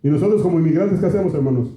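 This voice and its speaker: A Mexican pastor with a Mexican Spanish accent gives a conversational sermon in a fairly high, mellow voice that races along. He often turns to the congregation with asides, repeatedly asking "¿verdad?" and calling out "hermanos." The room is echoey and the lo-fi sound is dull.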